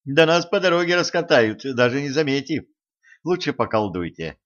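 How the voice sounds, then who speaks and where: A male narrator voicing a bold, sharp-tongued young woman who answers with sarcastic retorts. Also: on the high side, sing-song, normal speed, highs cut off, pitched above the performer's own voice. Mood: snappy.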